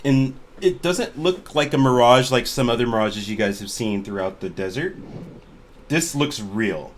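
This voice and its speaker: Lively, halting game master man. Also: mid-range voice. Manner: halting, restarts sentences, laughs often. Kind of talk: narrating an online tabletop game. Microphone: home computer mic on a voice call.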